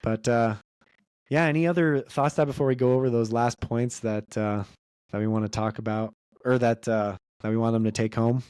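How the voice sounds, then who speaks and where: A man's voice: medium pitch, fairly even intonation, normal speed, darkish tone, clean tone, dry recording, studio quality. A man co-hosting a podcast with his father, talking casually, rambling with restarts and fillers. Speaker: podcast co-host.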